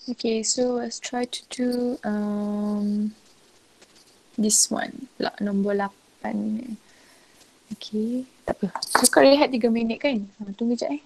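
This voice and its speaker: A woman's voice: fairly high pitch, fairly even intonation, slow. A woman teaching an online physics lesson, mixing Malay and English and checking in often with the class. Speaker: lecturer.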